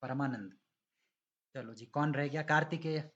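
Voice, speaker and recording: A man teaching Sanskrit pronunciation in an online class, patiently correcting students and demonstrating recitation slowly. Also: medium pitch, a bit bright, lo-fi sound.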